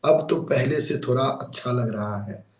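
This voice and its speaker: A man voicing a frail elderly man who speaks gently and wearily, lower than his own voice. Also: a little slow, natural voice. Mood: weary. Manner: weary, gentle. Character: frail old man in hospital bed. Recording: echoey room, mic far off.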